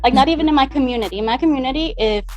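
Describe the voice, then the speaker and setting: Speaking fast in a high voice with the highs cut off, this Dominican money mindset coach is a cheerful, chatty interview guest. She reenacts old conversations as she talks.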